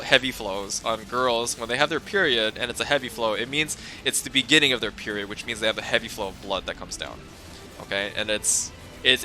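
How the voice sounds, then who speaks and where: A man's voice: mid-range voice, pushed and bright. Young guy telling a rambling, swearing story. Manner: rambling, swearing, laughing often. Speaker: streamer. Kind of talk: casual storytelling.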